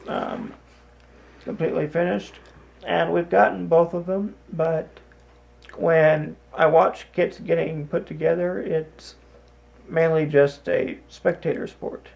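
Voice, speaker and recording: A man giving a casual hands-on demonstration in a deliberate, halting way, with broken phrasing. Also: fairly high pitch, lo-fi sound. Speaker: host demonstrating a hobby. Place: home basement, indoors. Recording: clear background noise, room ambience.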